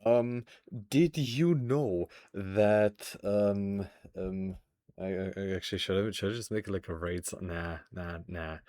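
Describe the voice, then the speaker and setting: A man's voice: low-pitched, fairly even intonation, moderate pace, a little mellow, dry recording, clean studio sound. A young man livestreaming a game, rambling and stammering as he chats, swears and jokes with his viewers. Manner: rambling, stammering, profane and joking. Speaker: streamer. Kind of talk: casual game livestream chat.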